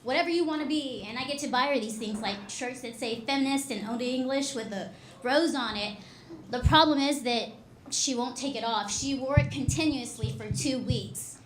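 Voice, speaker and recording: A woman in her thirties works through a stand-up set with a dry, self-deprecating delivery. Her voice sits high for a woman. It rings out through an echoey live room. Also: normal speed, slight background noise. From Texas. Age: 30s. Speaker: stand-up comedian.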